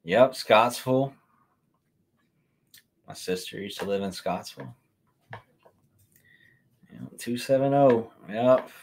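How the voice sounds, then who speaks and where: Surrounded by shelves of sneakers indoors, a Kentucky man runs a sneaker livestream, casually fielding chat questions as they come in. His medium-pitched voice is gravelly and slow with frequent pauses, and there's slight background noise.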